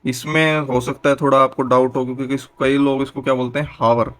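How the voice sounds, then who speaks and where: Young guy teacher, explains grammar slow and patient, asks then answers himself. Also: mid-range voice, little pitch movement, fairly bright tone, clean tone.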